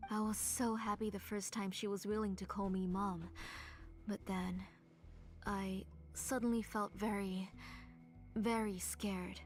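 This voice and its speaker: A woman playing a grieving, obsessed villain mother in a video game, delivering a measured, brooding monologue that slips toward breathy near-whispers. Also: mid-range voice, level tone, faint music behind, lightly acted. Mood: haunted.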